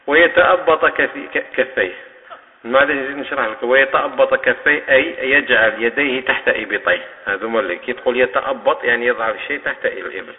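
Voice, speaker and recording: Algerian sheikh teaching in an echoing mosque. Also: male voice, mid-range voice. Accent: Algerian Arabic. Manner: patient, explaining terms and coaching students to demonstrate. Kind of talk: hadith commentary lesson. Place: mosque hall. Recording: tinny lo-fi recording with long mosque reverb.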